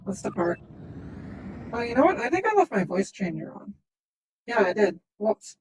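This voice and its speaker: A man's voice: high-pitched, big pitch swings, normal speed, pitched above the performer's own voice, exaggerated voice, low-quality recording. A man streaming a game with a voice changer on that makes him sound like a woman, chatting casually and reading in-game dialogue aloud. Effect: voice changer making him sound female. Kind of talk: casual gameplay commentary.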